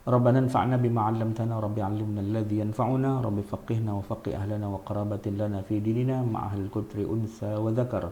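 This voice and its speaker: A man reciting a closing prayer in a measured, devotional way. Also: fairly low pitch, dark tone, reverberant, slight background noise. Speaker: prayer leader.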